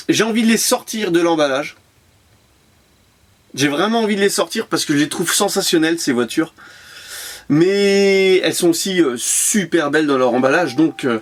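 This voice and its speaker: A man chatting enthusiastically as he shows off his toy car collection to camera, with lots of fillers and repeated words, recorded at home on a camera mic. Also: on the high side. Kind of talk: casual unboxing commentary.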